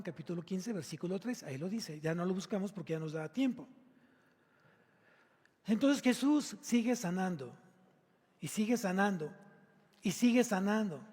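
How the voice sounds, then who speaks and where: A man's voice: sits high, breathy edge, big-room sound. A male pastor with a Mexican Spanish accent preaching an emphatic sermon, questioning his congregation directly. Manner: emphatic preaching, rising to loud exclamations. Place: church sanctuary.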